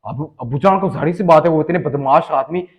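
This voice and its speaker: A man with a Punjabi accent telling a funny story in a casual, animated way, switching into Punjabi for the quoted lines. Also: fairly high pitch, brisk, highs cut off. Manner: animated, switches between Urdu narration and Punjabi quoted dialogue. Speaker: comic storyteller.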